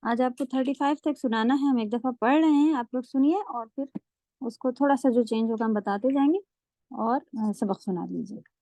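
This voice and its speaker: A woman teaching an online Quran recitation class, repeating sounds slowly for her students to copy and mixing in English words. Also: on the high side, mellow, dry recording, highs cut off. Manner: mixes English words into speech. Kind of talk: online tajweed lesson.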